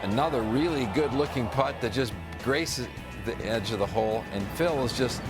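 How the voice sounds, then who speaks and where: A man's voice: medium pitch, normal speed. Male golf commentator analysing play over music. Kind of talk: golf commentator explaining shots and greens. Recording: music bed under the voice.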